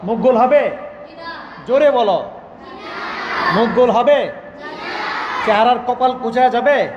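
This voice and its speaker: A man's voice: very high voice, dull audio, a crowd in the background. A male Quran teacher from Bangladesh drilling letter sounds with children in a classroom, calling for repetition. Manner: drills syllables slowly, calls for repetition. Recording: echoey hall, children and noise behind.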